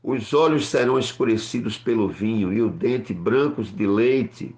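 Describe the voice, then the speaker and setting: A man, a rabbi, teaching from scripture, explaining slowly and checking in with his listeners as he spells out words letter by letter. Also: fairly low pitch, darkish tone, echoey room.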